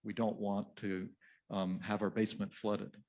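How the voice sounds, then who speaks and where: A man answering on a discussion panel, thoughtful and halting, repeating words as he searches for the next. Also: on the low side, flat delivery, a little mellow.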